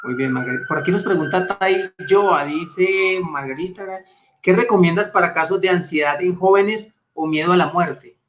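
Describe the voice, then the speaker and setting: Guy hosting live q&a, slightly high voice, stumbles a bit. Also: normal speed, a little hiss or hum. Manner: brief affirmations, some stumbling restarts. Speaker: host. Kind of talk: live interview reading viewer questions.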